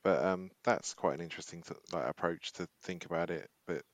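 A man's voice: sits low, brisk, dry recording. A man co-hosting a podcast, chatting casually and rambling with hesitations. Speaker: podcast co-host. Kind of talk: casual chat.

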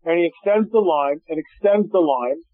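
A man telling stories in a radio interview, animated, acting out what people said. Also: fairly high pitch, normal speed, dry recording. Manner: animated storyteller, acts out quotes. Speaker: guest filmmaker. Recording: dry tinny phone line.

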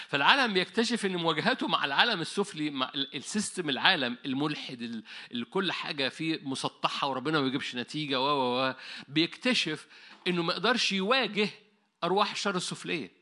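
Fast, bright Egyptian preacher man. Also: on the high side. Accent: Egyptian Arabic. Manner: animated, laughing, storytelling. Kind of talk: sermon.

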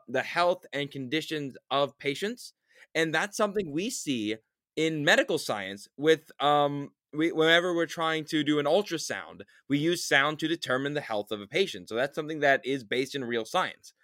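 A man's voice: a little high, animated, moderate pace, a bit bright, dry recording, studio quality. A man co-hosting a podcast, explaining creature trivia in an enthusiastic, rambling casual chat. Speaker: podcast co-host. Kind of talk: casual chat about monster game creatures.

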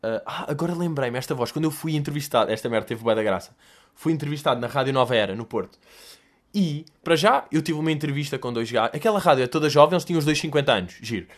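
A man's voice: fairly high pitch, expressive, quick pace. A young man with a European Portuguese accent hosts a podcast in a casual comic monologue. He swears freely and breaks into voices and mimicked music. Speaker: podcast host answering listener questions.

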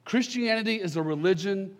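Pastor preaching into a pulpit mic. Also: male voice, high voice, a little fast, in a large hall. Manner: fervent, building to emphatic declarations. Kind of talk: prayer and sermon. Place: church sanctuary.

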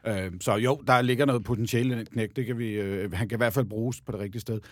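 A man's voice: on the low side, no room sound, clean studio sound. A man co-hosting a casual fan chat about football, hesitant and agreeable, often saying yes. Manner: hesitant, agreeable, many fillers. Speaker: football podcast co-host.

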